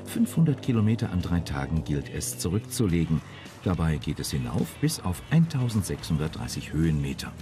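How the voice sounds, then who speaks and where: Deep-voiced male documentary narrator. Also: sing-song. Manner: measured, informative. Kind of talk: scripted magazine narration. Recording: voice-over with music beneath.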